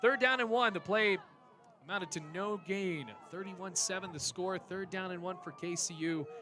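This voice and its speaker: A man's voice: high-pitched, normal speed, music in the background. A man calling live football play-by-play in clipped, descriptive phrases. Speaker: play-by-play commentator.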